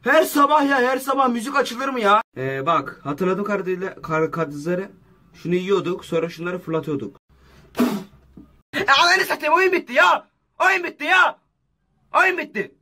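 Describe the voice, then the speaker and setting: A man giving loud, excitable reactions while gaming, yelling and swearing at what happens on screen. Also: high-pitched, moderate pace, dry recording, clean studio sound. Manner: excitable, yells and swears at the game. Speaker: gamer and YouTuber.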